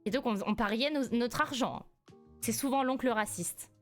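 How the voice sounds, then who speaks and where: A young woman from France in her twenties, streaming live and telling a family story in a casual, animated way, laughing often. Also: a little high, normal speed, faint music behind. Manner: animated, laughs often, rises sharply when indignant.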